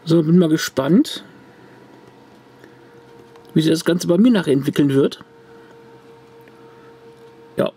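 Holding up a corroded circuit card at his home bench, this retro computing enthusiast rambles casually for the camera, restarting and using fillers. He speaks slowly with long pauses, in a warm, breathy, rather high voice with lively intonation.

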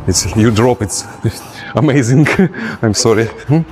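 Pretending to be a gym cleaner, a young man pulls a hidden-camera prank in a large indoor gym, with music and slight background noise around him. He speaks slowly in a medium-pitched, slightly mellow voice, giggling and apologizing nonstop in broken English.

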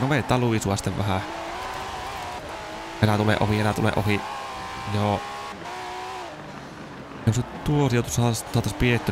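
A man's voice: on the low side, heavy background noise. A man giving casual commentary over a racing game, exclaiming at near misses, his voice a little strained from a dry mouth. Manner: excited yelps at near misses. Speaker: gaming video host.

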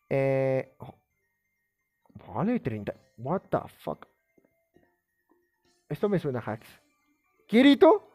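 Gravelly-voiced excitable male gamer. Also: on the high side. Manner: excitable, rambling, swears often. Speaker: streamer. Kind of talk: casual gaming live-stream commentary.

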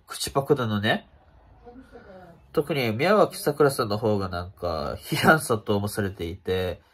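A young man speaks casually to camera with a stuffy nose that makes him sound nasal and congested. His voice is somewhat low and noticeably husky. He goes along in a halting, conversational way, like a vlogger chatting at home. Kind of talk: casual spoken commentary to camera. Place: small room at home, indoors.

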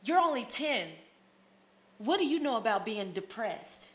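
An actress playing a withdrawn, tired hip-hop artist who talks in a flat, dismissive way. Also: female voice, a little high, a little slow, reverberant, very noisy. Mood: weary. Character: weary, withdrawn woman, hip-hop artist shutting people out.

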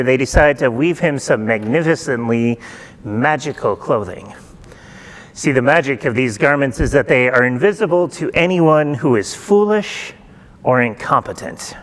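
In the church sanctuary, a middle-aged male pastor delivers a sermon built around a folktale, telling it conversationally and easing questions out to his listeners. His pitch runs fairly high.

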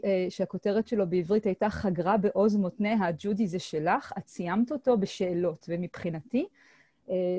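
A middle-aged woman lectures on her historical research at an online seminar. She talks hesitantly, often pausing on filler sounds and restarting phrases. Her voice is warm and mellow, and the sound is dry and close through a video call mic. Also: mid-range voice, no room sound. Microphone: computer mic on a video call.

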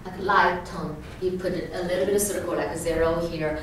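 A woman's voice: lowish voice, fairly even intonation, a little fast, a little hiss or hum. A woman teaching a class, patiently modeling sounds for students to repeat and laughing often. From China. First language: Chinese. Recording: echoey room, recorded from far off.

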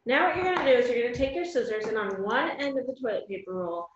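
Recorded at home in a small indoor room across a table, an American woman in her thirties walks children through a craft in plain, simple steps. She speaks fast and animatedly in a slightly high voice. The audio is reverberant and muffled, with slight background noise.

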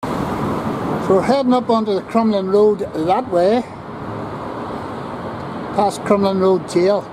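A man giving an unhurried, chatty walking-tour commentary outdoors at a busy city junction, pausing and restarting as he goes. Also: sits high, fairly even intonation. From Northern Ireland. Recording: loud street traffic over the voice.

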